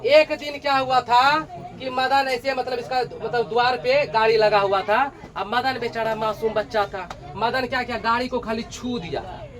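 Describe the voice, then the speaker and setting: A very high-voiced man tells a story as a lesson, acting out each character and asking his students questions. He repeats the key lines over and over. A crowd murmurs behind him outdoors. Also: fairly even intonation, unhurried, fairly bright tone. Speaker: teacher.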